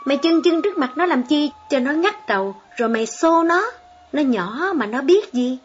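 A woman doing a shrill scolding mother. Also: sing-song, moderate pace, lo-fi sound, slight background noise. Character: sharp-tongued scolding mother, middle-aged.

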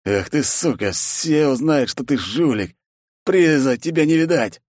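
A man voicing an arrogant, angry card player who shouts insults, in a storybook reading. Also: mid-range voice, lively intonation, slow, dry recording, studio quality, voice pushed up. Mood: furious.

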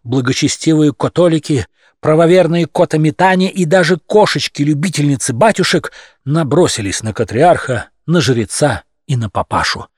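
A male audiobook narrator telling a comic tale with a lively, expressive delivery. His somewhat high voice moves animatedly through its range. The recording is close and dry, with no room sound. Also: moderate pace, slightly rough, dry recording.

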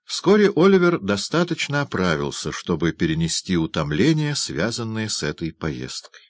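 A man reading a novel aloud as a narrator, measured and expressive. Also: low voice, dry recording. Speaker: audiobook narrator. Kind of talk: scripted narration.

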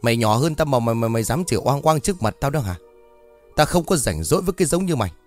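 A man voicing a loud, quarrelsome village woman who shouts insults in a ghost story. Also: mid-range voice, expressive, brisk, soft background music, lightly acted. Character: loud coarse village woman, quick-tempered.

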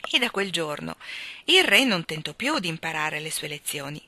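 Bright-voiced woman reading a storybook. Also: low voice, moderate pace, no echo. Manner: calm, expressive narration. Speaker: reader.

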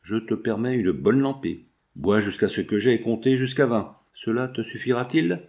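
A man's voice: medium pitch, lively intonation, normal speed, a little mellow, lightly acted. A man voicing a sly, guarded young male brigand in an audiobook. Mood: offhand. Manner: offhand, evasive.

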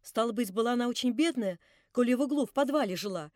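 Brief: earnest, indignant young gentleman in a storybook reading, voiced by a woman; pleading, sincere. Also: on the high side, animated, fast, no echo, clean studio sound, natural voice. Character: indignant young male narrator-hero.

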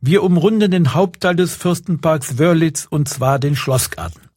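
A man's voice: a little high, moderate pace, darkish tone, breathy edge, no echo, clean studio sound, pitched above the performer's own voice. A man voicing a burly male gondola captain who greets passengers in a broad Saxon accent, like a tour announcer. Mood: welcoming. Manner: broad dialect, welcoming announcer tone. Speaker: boat tour guide.

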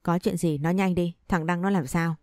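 A woman's voice: lowish voice, steady tone, a little fast, a little mellow, no room sound, clean studio sound, faint music behind, lightly acted. A woman reading a blunt, scolding older mother. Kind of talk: audio story reading.

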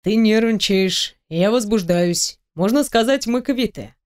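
Smug, teasing boss, a woman lowering her voice. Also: lively intonation, close to an everyday voice. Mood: mocking. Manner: low, slow, smug and mocking. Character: teasing, domineering male boss.

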